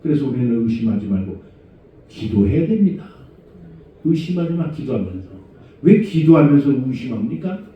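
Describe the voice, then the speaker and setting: A middle-aged man preaching a conversational sermon as senior pastor, asking rhetorical questions and moving between low murmurs and raised exhortation. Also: sing-song, normal speed. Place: church sanctuary. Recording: echoey church hall, far from mic, dull sound.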